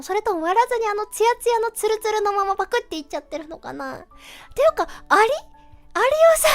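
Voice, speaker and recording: Very high-pitched cutesy young woman streamer. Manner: cutesy, refers to self in third person; animated, giggly. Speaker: livestream host chatting with viewers. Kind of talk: casual livestream chat, reading out comments.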